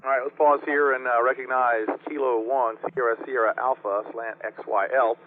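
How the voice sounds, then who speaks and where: A man's voice: mid-range voice, fairly even intonation, moderate pace. A man acting as net control on an amateur radio net, courteously taking check-ins and spelling out call signs phonetically over the radio. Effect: radio transmission. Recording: tinny narrow-band radio, faint noise.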